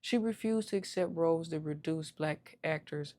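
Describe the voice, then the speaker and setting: A woman's voice: deep voice, normal speed, mellow. A woman hosting an earnest history talk, reading a script to her viewers with small stumbles and self-corrections. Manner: earnest, addresses viewers directly, honorific titles. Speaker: host.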